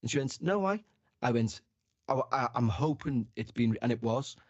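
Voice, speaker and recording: A man's voice: mid-range voice, steady tone, normal speed, no echo, dull audio. A man telling anecdotes in casual chat, acting out the quotes and swearing casually. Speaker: podcast guest or host.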